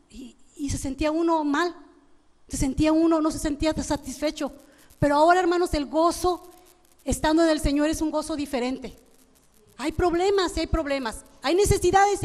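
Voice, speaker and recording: A high-pitched woman with a Mexican Spanish accent delivers a sermon as pastor. She keeps calling out to the congregation and stumbles into restarts as she goes. Her voice rings with the long reverb of a church hall. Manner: repeats "hermanos" often, with frequent restarts.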